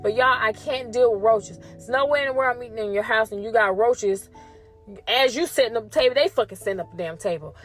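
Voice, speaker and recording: Brief: young woman podcaster, higher voice, animated and profane storyteller, faint music behind. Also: a little fast. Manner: profane, animated, talks straight to listeners. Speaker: podcast host. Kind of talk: casual storytelling.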